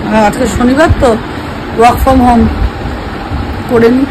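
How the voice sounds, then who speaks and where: A woman's voice: on the high side, fairly even intonation, slow, roomy sound, noisy background. A woman chatting casually while cooking for a family vlog. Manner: bossy, scolding a child at mealtime. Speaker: family vlogger.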